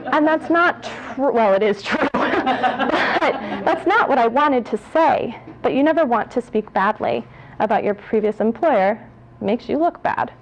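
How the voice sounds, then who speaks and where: A woman in her late twenties gives a personal talk to an audience in a fairly high voice. She is candid and pokes fun at herself, with laughs slipping in often. The sound is muffled and lo-fi. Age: 20s. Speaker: speaker at a public talk.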